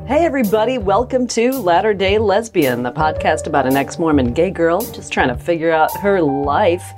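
A woman hosting a casual podcast, softer-spoken and quick to laugh, recorded on a lapel mic inside a small closet hung with blankets. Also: lowish voice, lively intonation, over music. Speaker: podcast host. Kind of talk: casual chat. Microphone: lapel mic clipped to shirt.

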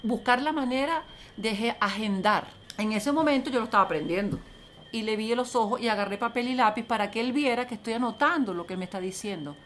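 An older woman with a Venezuelan accent, telling stories as a guest in an interview, lively and acting out the voices of others. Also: on the high side, fairly quick, slight background noise. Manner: lively, acts out quoted voices, talks to the host by name. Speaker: interview guest, film producer. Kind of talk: animated storytelling interview.

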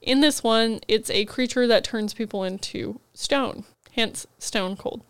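A woman talks casually through her reading list on a book podcast. She is fighting a cold, but her voice still comes through smooth and clear. The sound is close and dry, with no room echo. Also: a little high, a little slow. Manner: chatty, rambling book rundowns with frequent "like". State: has a cold, head foggy.

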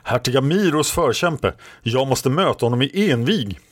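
A man's voice: a little high, sing-song, voice pushed up. A man voicing a proud, commanding noblewoman warrior in an audiobook story.

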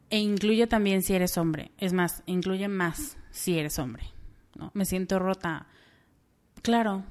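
A woman's voice: medium pitch, a little mellow. Earnest Mexican woman podcaster. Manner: earnest and direct, speaking straight to the listener. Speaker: podcast host. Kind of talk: solo podcast monologue.

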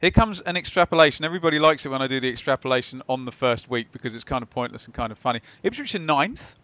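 A man's voice: mid-range voice, animated, racing, bright, forceful tone, no echo. A man hosting a casual football podcast, explaining things in a jokey, teasing way. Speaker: podcast host and quizmaster. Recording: slightly dull lo-fi microphone sound.

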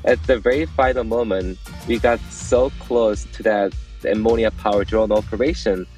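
A man's voice: fairly low pitch, fairly even intonation, normal speed, darkish tone, faint music behind, rough recording. A man from South Korea, a startup founder answering interview questions earnestly. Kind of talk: podcast interview.

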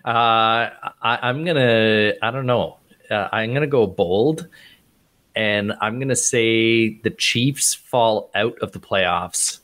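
A man's voice: fairly low pitch, slow pace, a bit bright. A man co-hosting a casual sports podcast, opinionated and thoughtful, often restarting as he builds his point. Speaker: podcast co-host.

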